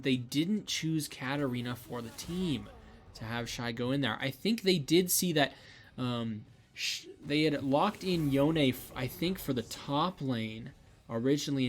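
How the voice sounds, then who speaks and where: A young man casting a college esports match in casual, rambling commentary, sleepy and yawning, with lots of fillers and restarts. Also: medium pitch. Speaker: esports caster.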